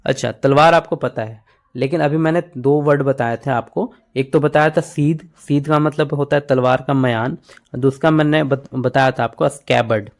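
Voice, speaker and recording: A Hindi-speaking English vocabulary teacher runs an exam-prep lesson, explaining words in Hindi mixed with English, using memory tricks and saying "ठीक है" often. His voice is medium-pitched and steady, at a moderate pace.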